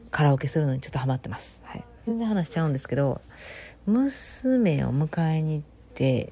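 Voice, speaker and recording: A woman's voice: deep voice, warm tone. A woman from Kobe with a Harima Kansai dialect, chatting casually and playfully to her viewers as a vlogger, rambling into asides. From Kobe, Hyogo, Japan. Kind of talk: casual solo chat to camera.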